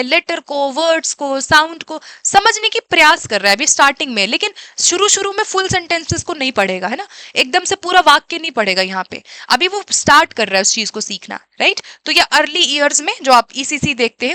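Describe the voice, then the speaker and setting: A woman teacher giving an exam-prep lesson, who asks questions and answers them herself and reads English questions out slowly. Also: sits high, bright, forceful tone, dry recording. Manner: switches between Hindi and English terms, reads English questions slowly.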